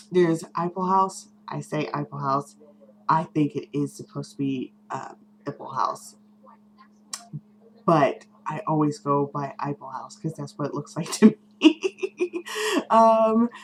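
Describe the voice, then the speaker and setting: A woman's voice: deep voice, darkish tone, a little hiss or hum, low-quality recording. A woman vlogger chatting casually to camera, rambling with lots of fillers, restarts and small laughs. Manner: self-correcting, unsure.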